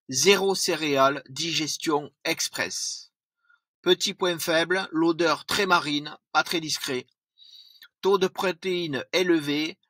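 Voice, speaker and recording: A man presenting a product review vlog, reading through points with slips and quick self-corrections. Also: on the high side, bright, forceful tone, no echo.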